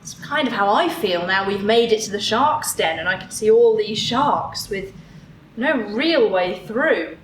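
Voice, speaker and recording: A woman's voice: medium pitch, expressive, measured pace, a little hiss or hum. A woman presenting a children's holiday club, upbeat and enthusiastic. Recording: roomy, from a distance, music behind.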